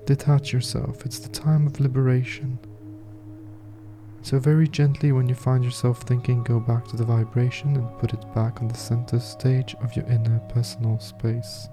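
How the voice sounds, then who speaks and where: Man, very dark relaxed tone, soft soothing delivery, guided meditation narration, gentle music behind. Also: medium pitch, normal speed. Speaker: meditation podcast host and guide.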